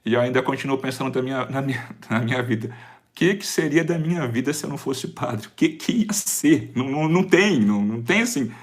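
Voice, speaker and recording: A Brazilian priest in his forties giving a personal testimony, animated and acting out dialogue as he tells it. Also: mid-range voice, brisk. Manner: animated storyteller who acts out quoted dialogue.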